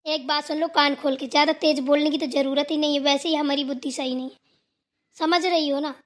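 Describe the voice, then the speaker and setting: A woman's voice: sits high, fairly even intonation, a little fast, heavy background noise, close to an everyday voice. A woman voicing a worried elder daughter-in-law in a village cartoon, plaintive and stern by turns. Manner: plaintive, scolding when provoked. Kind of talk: cartoon voice acting.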